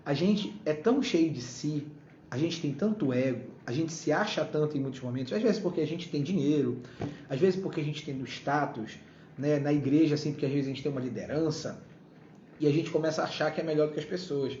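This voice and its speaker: A man talks in a casual devotional style, lively and playful, acting out biblical scenes in voices. His voice is fairly high and mellow. The recording sounds roomy and a little dull, with faint noise behind him. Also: fairly quick. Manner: animated, playfully acting out Bible dialogue. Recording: echoey room, dull low-fi sound.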